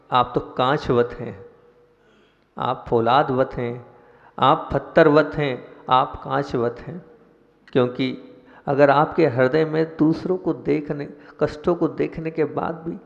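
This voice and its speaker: Male monk preacher, slow and gravelly, questions the congregation, dull reverberant hall recording. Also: medium pitch. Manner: slow, measured, asks the listeners questions. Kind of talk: sermon with chanted invocation.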